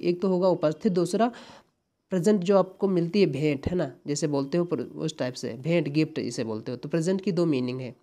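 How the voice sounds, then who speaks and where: A man's voice: a little high, warm tone. A man tutoring exam English, explaining step by step and repeating key words with frequent tag questions. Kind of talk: exam-prep lesson.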